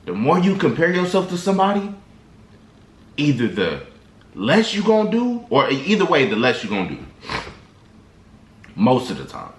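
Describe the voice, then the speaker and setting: The man's voice is a little high, with wildly swooping pitch, normal speed and long pauses, plus a little hiss or hum. He's a vlogger rambling through slangy motivational talk to camera, often restarting, in an echoey room.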